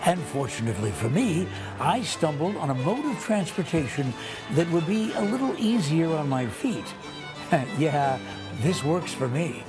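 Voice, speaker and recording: A man's voice: a little high, expressive, a little slow. A man working as a TV presenter, doing light, jokey interviews and narration on location. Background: music.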